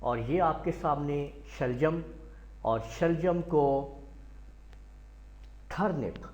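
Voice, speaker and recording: Slow-talking Pakistani man teaching pronunciation. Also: mid-range voice, a little mellow. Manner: repeats each word several times, spells it out letter by letter. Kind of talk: slow classroom lecture. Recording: echoey room, dull lo-fi sound.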